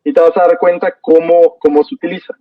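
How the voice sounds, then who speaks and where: A young man teaching an online poetry class, relaxed and hesitant, with many fillers and restarts. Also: a little high, fast, dry recording, far from the mic. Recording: dull, dry sound from off mic.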